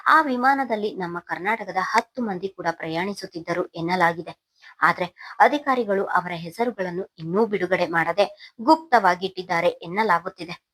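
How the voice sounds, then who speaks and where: A woman narrating a Kannada novel in a steady, solemn storytelling manner. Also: lowish voice. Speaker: audiobook narrator.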